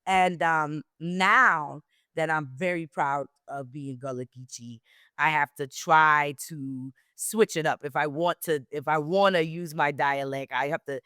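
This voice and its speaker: A woman from South Carolina, a travel company founder, telling her story candidly as an interview guest, with a mostly neutral American accent that keeps a slight South Carolina Lowcountry trace. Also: fairly even intonation, unhurried, sharp tone, dry recording, clean studio sound. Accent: General American, slight South Carolina Lowcountry. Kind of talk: casual interview conversation.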